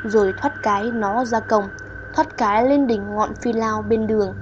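A woman's voice: on the high side, normal speed. Woman narrating a ghost story. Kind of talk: scripted horror story narration. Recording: dull lo-fi audio with faint hiss.

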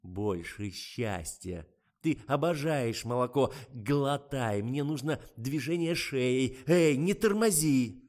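A man voicing an irritable male film director who shouts bossy orders. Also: on the low side, extremely slow. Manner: barking, bossy.

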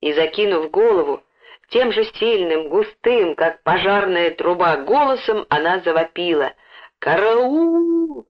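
A woman narrating a story in a lively, expressive way, acting out the dialogue. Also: fairly low pitch, measured pace. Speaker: audiobook narrator. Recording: dull lo-fi recording.

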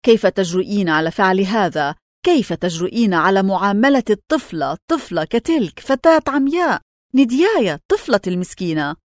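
A woman's voice: medium pitch, big pitch swings, a little fast, a little mellow, no echo, studio quality, close to an everyday voice. A woman playing a kind, protective, rich young man in a storybook reading, speaking in an earnest, emphatic way. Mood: outraged.

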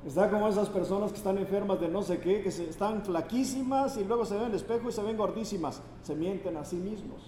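High-voiced preacher in an echoing hall. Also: male voice, fast talker, hardly any pauses, warm tone, recorded from a distance. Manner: emphatic, rhetorical questions. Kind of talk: sermon. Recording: echoey hall, faint background noise.

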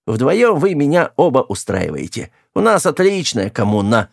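A man's voice: medium pitch, big pitch swings, normal speed, creaky. A man voicing a capricious, bold young woman in an audiobook, teasing one moment and scolding the next. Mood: frank. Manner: teasing, then sharp and scolding. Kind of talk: audiobook character voice.

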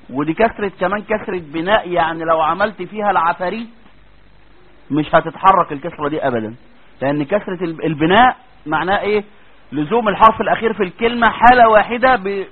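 Egyptian male teacher, high-pitched and husky, chatty lecturing style, keeps asking the class if they follow, tinny lo-fi recording. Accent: Egyptian Arabic. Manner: colloquial, keeps asking students check questions. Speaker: tajweed teacher. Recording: tinny phone-like lo-fi audio.

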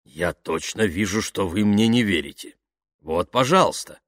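A man reading an audiobook, playing a vain, theatrical actor who croons his words in a deep baritone. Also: lively intonation, fairly bright tone, no room sound, studio quality. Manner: pompous, drawn-out, crooning.

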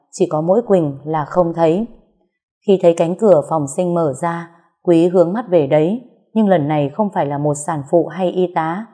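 A woman reading a scripted ghost-story narration calmly and evenly. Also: fairly low pitch.

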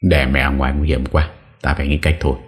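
Brief: a man doing a worn-down husband in an audio story, deep and glum. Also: level tone, fast. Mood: dejected. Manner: dejected, weary. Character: weary, troubled middle-aged husband.

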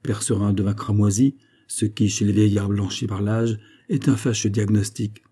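A male audiobook narrator telling a classic novel in a measured way. His voice is very dark and husky. It sits somewhat low. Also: flat delivery.

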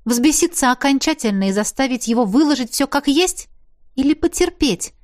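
A woman narrating a novel in the first person with steady, even reading. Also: high-pitched, moderate pace, no echo, studio quality. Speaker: audiobook narrator.

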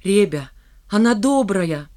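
A reader voicing an earnest, devoted schoolboy in an audiobook, pleading and loud. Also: mid-range voice, animated, takes it slowly. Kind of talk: audiobook character reading.

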